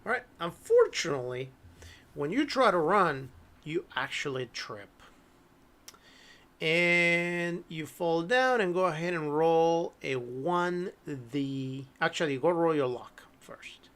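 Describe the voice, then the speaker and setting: A man with a fairly high voice guides players through a tabletop horror game as game master. He talks in a relaxed, halting way, often clearing his throat and filling pauses with um. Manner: relaxed, hesitant with frequent ums and throat clearing.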